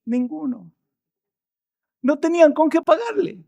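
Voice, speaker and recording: Pastor with a high voice preaching in church and acting out the story's lines. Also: male voice, expressive, measured pace, creaky, darkish tone. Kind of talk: sermon.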